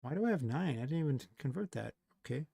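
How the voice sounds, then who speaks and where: A man with a gravelly edge talks to himself while he works, rambling and trailing off. He sounds tired from a long night of building a game. The sound is close and dry. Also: mid-range voice, animated, quick pace, mellow, dry recording. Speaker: indie game developer streaming his work. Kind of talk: thinking aloud while working.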